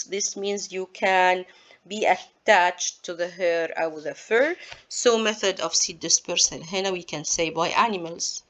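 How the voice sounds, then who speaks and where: A woman's voice: mid-range voice, a bit bright. A woman teaching science, walking through exam answers step by step and asking her students rhetorical questions. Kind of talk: exam walkthrough lesson.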